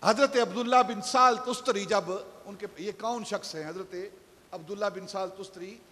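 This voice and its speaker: Male preacher, high voice, long hall echo; storytelling delivery that builds to emphatic peaks. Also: sharp tone. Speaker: pastor. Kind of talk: Friday sermon. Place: shrine mosque hall.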